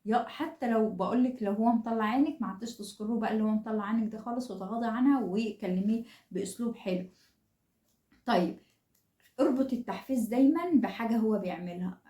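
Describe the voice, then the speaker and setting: A woman's voice: fairly high pitch, quick pace, dark tone, reverberant. A woman with an Egyptian Arabic accent gives parenting advice in a chatty way, acting out things parents and children say. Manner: chatty, acts out quoted lines of parents and children. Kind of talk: casual advice talk.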